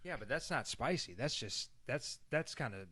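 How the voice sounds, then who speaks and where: A man's voice: mid-range voice, animated, moderate pace, bright, forceful tone, breathy edge. Wry, grumbling guest man. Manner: dry, wry complaining. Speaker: podcast guest. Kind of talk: casual chat.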